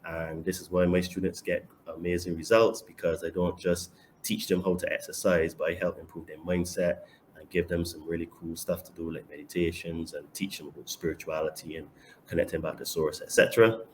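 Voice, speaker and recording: Deep-voiced Barbadian man, confident and emphatic. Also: slight background noise. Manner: confident, emphatic, with sudden jumps in loudness. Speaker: podcast guest and online fitness coach. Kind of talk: casual podcast interview.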